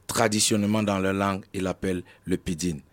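A man, a guest rap artist in a radio studio interview, explaining with lively street-slang examples. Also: low voice, quick pace. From Cameroon.

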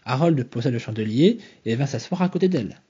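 A man reading a novel aloud in a soft, measured way, home-recorded. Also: medium pitch, lively intonation, husky, dull audio. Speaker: reader.

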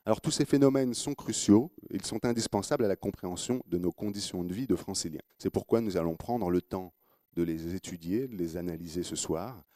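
A man's voice: deep voice, brisk, mellow, no room sound, clean studio sound. A man with an English accent hosting a radio panel, introducing guests with frequent hesitations. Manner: hesitant, many fillers and restarts. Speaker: radio host.

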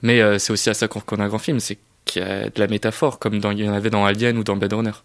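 A man's voice: on the low side, little pitch movement, very fast, no echo. A man discussing films in a casual talk, in a matter-of-fact way. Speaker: film critic.

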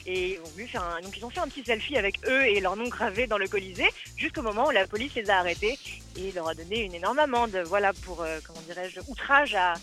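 A woman's voice: mid-range voice, lively intonation, a bit bright, faint music behind. A woman giving a playful, teasing web news column on radio, joking as she talks. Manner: playful, teasing, quick talk with laughs.

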